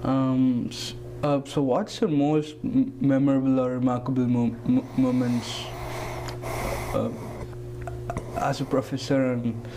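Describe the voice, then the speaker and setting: A man's voice: mid-range voice, level tone, a little slow, noisy background. A young man co-hosting, asking interview questions hesitantly with many fillers and restarts. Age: young adult. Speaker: co-host interviewer. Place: studio with green screen.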